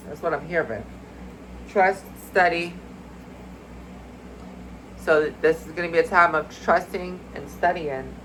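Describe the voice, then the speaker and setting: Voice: medium pitch, a bit bright, a little hiss or hum, rough recording. A spiritual card reader in a casual, rambling video, talking mystically to viewers as y'all and sounding a bit congested. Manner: chatty, addresses viewers as y'all.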